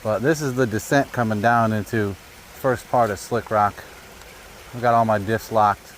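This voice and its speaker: A man casually narrating a hobby vlog outdoors, recorded at a low sample rate on a neck-mounted camera without an external microphone. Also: fairly even intonation, moderate pace. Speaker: RC crawler hobbyist host. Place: outdoors on a trail. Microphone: camera on neck mount, no external mic. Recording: low-fidelity outdoor audio, faint background noise.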